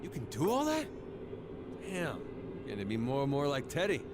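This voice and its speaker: Blunt, gruff teenage tough guy. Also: medium pitch, huge pitch swings, normal speed. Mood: teasing. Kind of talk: video game voice acting. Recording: noisy background.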